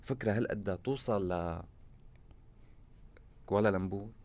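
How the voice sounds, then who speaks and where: A man's voice: lowish voice, moderate pace, a little mellow. A man with a Syrian Arabic accent talking casually as a musician guest in an interview, telling things colloquially in short bursts.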